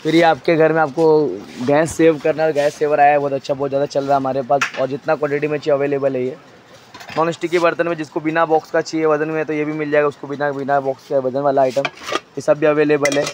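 A man showing stock in a crowded wholesale storeroom, briskly listing items and prices and telling a helper what to hold up. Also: a little high, monotone, noisy background. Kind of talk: walk-through product showcase.

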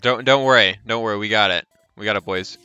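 A young man casually leading friends through a video game, animated and bossy, often clearing his throat. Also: lowish voice, fast talker, dull audio, faint music behind. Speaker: player leading a group game. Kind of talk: casual gaming chat.

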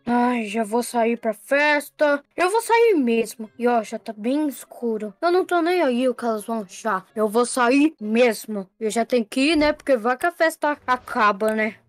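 A woman's voice: fairly high pitch, animated, moderate pace, few pauses, no echo, soft background music, natural voice. A woman voicing a sulky, rebellious boy in a Roblox role-play story, grumbling and dismissive. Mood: defiant. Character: sulky rebellious boy who learns he is adopted.

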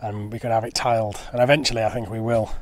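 A man's voice: on the low side, level tone, quick pace. A man chatting casually and upbeat to camera for his family vlog, outdoors in a rural village and garden. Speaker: family vlogger.

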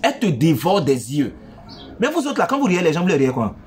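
Man, relationship advice monologue, teasing and playful, fairly high voice, very lively pitch. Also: fairly quick, faint music behind. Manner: teasing, playful, addresses listeners directly.

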